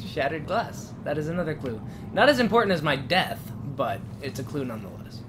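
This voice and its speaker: Joking man reading game text deadpan. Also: on the high side, a little fast, noisy background. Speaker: let's play host. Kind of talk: casual gameplay chat.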